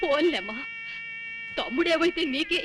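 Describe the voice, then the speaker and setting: A woman's voice: sits high, lively intonation, moderate pace, music in the background. An actress playing a sickly, hard-of-hearing old mother who complains fretfully in a film drama. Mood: pleading. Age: older.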